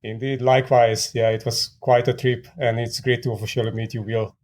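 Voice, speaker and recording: Mellow-voiced Hungarian man, reflective guest. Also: medium pitch, little pitch movement. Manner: measured, reflective storytelling with frequent fillers. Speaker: startup co-founder guest. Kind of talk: conversational interview.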